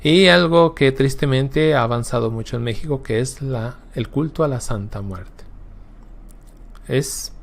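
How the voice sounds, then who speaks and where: A man gives a Bible class lecture in a gravelly, creaky voice at an ordinary middle pitch. He teaches with emphasis, repeats key words for stress and often checks in with a quick question to his listeners.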